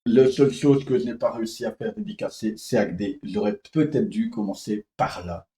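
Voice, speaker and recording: Male vlogger telling a story, hesitant and rambling, warm tone, roomy sound. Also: on the low side, normal speed. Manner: rambling, hesitant, many fillers and restarts. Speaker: comics vlogger. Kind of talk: casual storytelling vlog.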